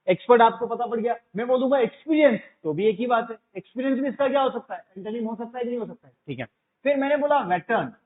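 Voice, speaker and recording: A man teaching a vocabulary class in a notably high voice, constantly checking in with his students through repeated questions. The sound is narrow and tinny, as if heard through a phone. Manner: drills students with repeated questions, calls them 'beta'.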